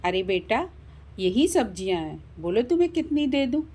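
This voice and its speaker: A woman's voice: fairly high pitch, very animated, normal speed, dark tone, breathy edge. A woman voicing a wily male vegetable seller in a doll story, calling out his wares in a sing-song way. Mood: hawking. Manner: sing-song hawking calls.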